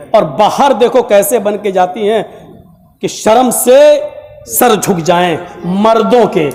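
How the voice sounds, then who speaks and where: A man from Uttar Pradesh, India, preaching a dramatic, moralizing story sermon at a religious gathering and speaking straight to the crowd. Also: very high voice. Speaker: maulana, preacher. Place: large gathering hall. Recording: echoey hall with long reverb.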